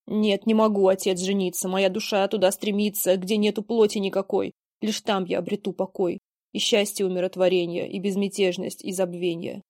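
Woman acting mellow, world-weary melancholy young son. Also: medium pitch, flat delivery, moderate pace, dry recording, studio quality, close to an everyday voice. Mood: resigned. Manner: mournful, theatrical declamation of rhymed verse. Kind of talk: dramatic verse play reading.

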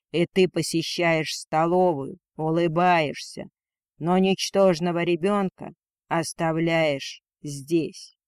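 A man voicing a cold, domineering male dragon lord in a storybook reading, speaking slowly and with contempt. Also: fairly high pitch, smooth, no room sound, clean studio sound. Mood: scheming. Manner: slow, commanding, contemptuous.

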